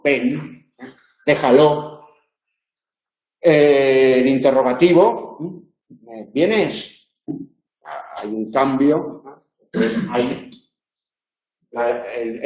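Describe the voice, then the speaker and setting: A man's voice: medium pitch, dark tone. Man, Spanish accent, university tutor, explanatory, tag questions, echoey classroom, muffled recording. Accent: Spain. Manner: explanatory, self-correcting, frequent tag questions. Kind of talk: lecturing in a tutorial. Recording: roomy, slightly dull classroom recording.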